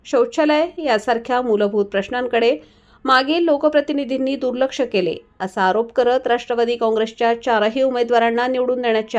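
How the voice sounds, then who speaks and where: Woman news reporter, scripted voice-over; steady and formal, fairly high voice. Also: highs cut off. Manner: steady formal reading, quick through name lists.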